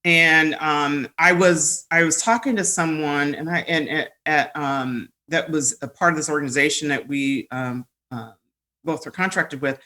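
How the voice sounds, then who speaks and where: Bright-voiced woman telling rambling stories. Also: low voice, measured pace. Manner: rambling, animated storyteller with frequent laughs. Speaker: podcast guest. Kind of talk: casual storytelling conversation.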